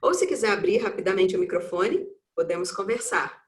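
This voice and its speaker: A woman's voice: medium pitch, expressive, brisk, echoey room, distant mic. A woman hosting a live video call, brief and courteous. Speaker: event host.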